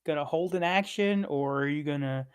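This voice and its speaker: A man's voice: fairly high pitch, normal speed, clear, resonant tone. A man running a tabletop fantasy game as game master, narrating casually.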